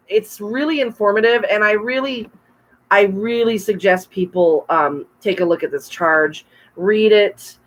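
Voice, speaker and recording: A woman co-hosting a casual livestream chat, bubbly and quick to laugh, with a bit of a cough. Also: medium pitch, a bit bright, poor audio. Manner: bubbly, laughs often, chatty with viewers. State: coughing, throat trouble. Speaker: podcast co-host. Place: home room, livestream with wine.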